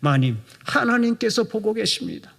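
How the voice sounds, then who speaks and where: A man's voice: high voice, sing-song, normal speed, vocal fry, a bit bright, slightly rough, voice pushed up, exaggerated voice. A man voicing an upright young male servant who refuses with earnest, respectful firmness. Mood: firm.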